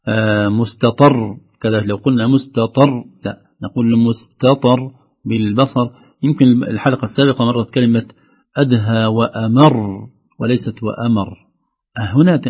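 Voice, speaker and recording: Male recitation teacher, husky, demonstrating. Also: on the low side. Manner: explains carefully, demonstrates words in slow drawn-out recitation. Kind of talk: instructive radio discussion. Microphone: studio microphone. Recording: slightly dull radio studio sound.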